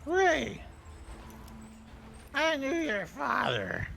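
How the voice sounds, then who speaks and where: A game master voicing a wary house owner who speaks through a lion-face door knocker, heard through a closed door and asking curt, suspicious questions. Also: male voice, very high voice, wildly swooping pitch, drawn-out words, gravelly, pushed and bright, a little hiss or hum, voice pushed up, heavily acted. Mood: welcoming. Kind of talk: tabletop game character voice.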